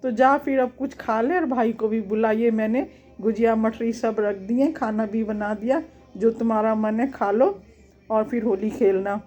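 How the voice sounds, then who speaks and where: A woman's voice: a little high, steady tone, moderate pace, mellow, dull audio, faint music behind, lightly acted. A woman voicing an older, affectionate mother who coaxes her daughter to eat. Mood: coaxing. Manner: affectionate, coaxing. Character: older mother, loving and fussing.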